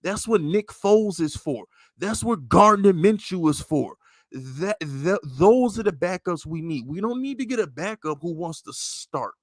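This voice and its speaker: A man hosting a casual sports talk stream, talking in loose, repetitive bursts that climb higher and louder when he gets riled. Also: unhurried, dry recording. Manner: animated, repetitive, rising to near-shouting when riled. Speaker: sports podcast host.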